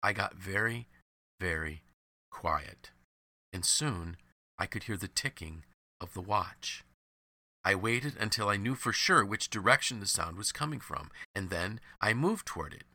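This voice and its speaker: A calm young errand boy, quiet and matter-of-fact, read by a man in a low, forceful voice. The sound is dry and close. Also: measured pace, no room sound, heavily acted.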